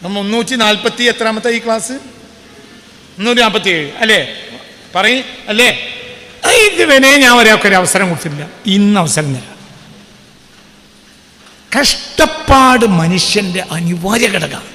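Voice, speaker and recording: Preacher, male, high and gravelly, reverberant hall sound. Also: expressive, bright, forceful tone. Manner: rhetorical questions to the audience, chants Arabic verses slowly. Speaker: Islamic preacher. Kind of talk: sermon class.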